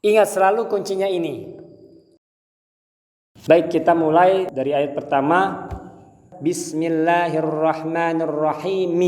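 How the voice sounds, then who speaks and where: A high-pitched male teacher with an Indonesian accent gives a recitation lesson. He over-enunciates, shaping each syllable with great care as he explains and demonstrates. His voice rings with echo and a long reverb tail. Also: darkish tone. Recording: echoey, long hall-like reverb.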